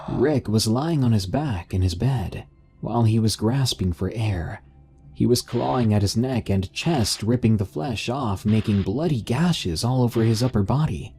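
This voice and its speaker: A man narrating a horror story in a measured storytelling style. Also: medium pitch, dark tone.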